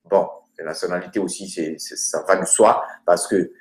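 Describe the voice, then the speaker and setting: A man teaching grammar through lists of words, hesitating often and slowing down for each example. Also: low voice, steady tone, darkish tone. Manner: hesitant, many filler sounds, slows down for example words. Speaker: language teacher. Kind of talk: explaining grammar with word lists. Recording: roomy echoey room.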